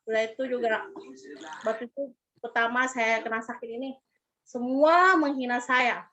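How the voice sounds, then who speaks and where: Woman, earnest testimony voice, bright and fairly high, lo-fi. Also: fairly even intonation. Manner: earnest, repetitive, halting. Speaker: church member giving a testimony. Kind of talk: personal testimony. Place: abroad, in China. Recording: lo-fi dull sound.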